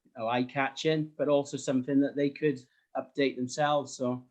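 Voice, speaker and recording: A middle-aged man speaks in a South Wales Valleys accent at an ordinary, medium pitch. He chats casually as an interview guest, modest and a little hesitant in how he puts things. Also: little pitch movement, moderate pace, a little mellow. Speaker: podcast guest, sports graphic designer.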